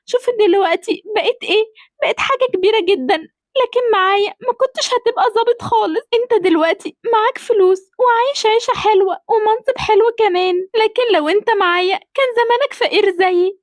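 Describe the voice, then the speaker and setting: A woman voicing a wealthy adoptive mother in an amateur cartoon drama, speaking softly and motherly, firm at times. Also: very high-pitched, fast talker, dry recording. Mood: pleading.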